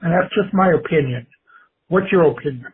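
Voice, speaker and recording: A man with a rather high, very husky voice leaves a voicemail for a show. It comes through a tinny, narrow phone line. He lays out his opinion in measured, halting phrases with pauses between them. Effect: voicemail played over a phone line. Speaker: caller leaving a voicemail.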